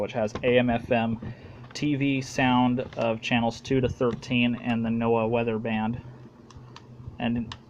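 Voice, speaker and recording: Speaking with an American accent, a hobbyist gives a halting, plain-spoken, casual show-and-tell for a home video. The recording is low quality with a little hiss or hum, and his voice sits in the mid range.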